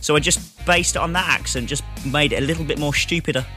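A man's voice: fairly high pitch, fast, sharp tone. A man with an English accent co-hosting a podcast, cheeky and joking through a promo. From England. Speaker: podcast co-host. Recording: faint music bed.

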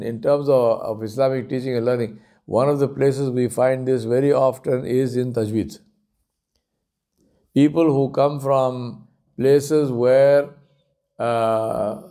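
A man's voice: mid-range voice, dark tone. A man giving a religious talk at an Islamic centre, repeating key phrases for emphasis with frequent fillers.

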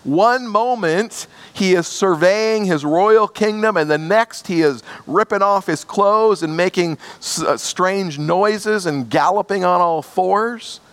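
A man's voice: high-pitched, slow, hardly any pauses. A man preaching a sermon as pastor, stressing key words by repeating them.

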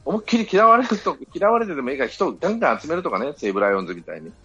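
Man, husky, quick and animated, assertive podcast panelist; dull lo-fi sound, faint music. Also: fairly high pitch. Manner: assertive, lecturing. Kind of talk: casual chat.

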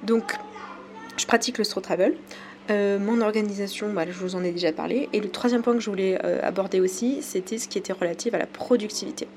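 With faint background hum around her, a French podcast host talks through an episode on her own. Her mid-range voice is a bit mellow, and her casual delivery is halting, full of pauses and fillers.

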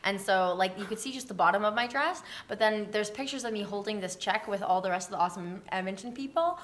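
In this casual interview chat, the guest, a woman who founded a community project, talks fast in a medium-pitched, fairly bright voice, with a little hiss or hum in the recording. She keeps things informal and self-deprecating, frequently saying "like."

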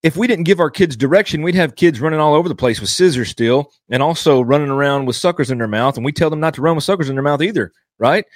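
A man's voice: on the high side, fast talker, hardly any pauses, dry recording. A man hosting a podcast, critically explaining and rebutting a sermon clip he has just played, repeating his points.

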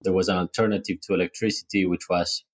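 A man from Argentina, an entrepreneur guest, telling his life story in a relaxed way. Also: low voice, fast, husky. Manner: relaxed, many fillers and restarts. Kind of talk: casual interview storytelling.

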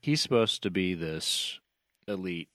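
A man co-hosting a casual podcast about movies, relaxed and prone to trailing off, then ranting when critical. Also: low voice, measured pace, no echo, clean studio sound. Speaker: podcast co-host.

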